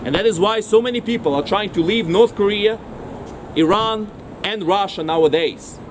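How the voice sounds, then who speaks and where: A man's voice: high voice, moderate pace. A man giving an impassioned, declamatory speech at an outdoor rally. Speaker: rally speaker. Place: outdoors on a city street. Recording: street noise outdoors.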